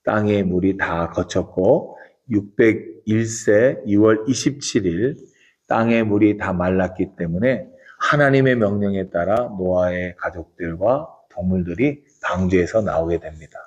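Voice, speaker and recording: A man pastor delivering a dawn prayer service sermon with a measured, earnest preaching cadence. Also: sits low, a little mellow, breathy edge, dull audio. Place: church sanctuary.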